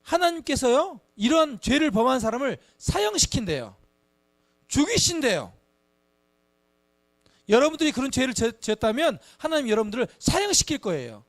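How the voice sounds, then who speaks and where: Animated high-voiced man teaching children. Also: moderate pace, long pauses. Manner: animated, acts out children's taunts; asks the children frequent questions. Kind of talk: Bible lesson for children. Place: church.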